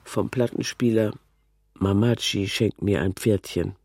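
A man reads a scripted literary documentary narration in a sober, factual way, his voice lowish, unhurried and a little mellow. It's studio quality from a close, dry microphone with no room sound.

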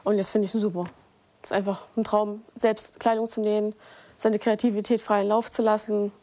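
A woman's voice: mid-range voice, little pitch movement, moderate pace, dark tone, dry recording. A 21-year-old woman apprentice answering interview questions, eager and a little hesitant.

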